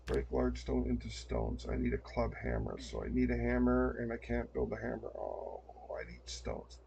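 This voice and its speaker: A man's voice: mid-range voice, expressive, normal speed, vocal fry, darkish tone, slight background noise. An older man giving casual gameplay commentary, muttering to himself as he plays at a desk mic. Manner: muttering to himself while playing. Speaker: gameplay streamer.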